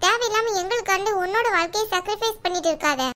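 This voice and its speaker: A fretful young village wife in a cartoon, as a woman voices her, talks in a very high, piping voice. Her tone is bright and sharp as she scolds and pleads by turns. She sounds anxious for her sister. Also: fast talker. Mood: scolding. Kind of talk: cartoon dialogue.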